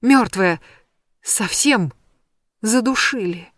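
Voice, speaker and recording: A woman's voice: a little high, lively intonation, slow, dry recording, studio quality, pitched above the performer's own voice, heavily acted. A woman voicing a frightened young heroine who stammers and speaks agitatedly. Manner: stammering, agitated, shouting and whispering.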